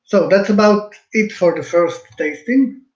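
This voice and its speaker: Swiss guy presenting wine on a video call, higher voice, roomy dull sound. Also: measured pace. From Switzerland. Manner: calm, with frequent fillers. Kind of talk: online seminar presentation.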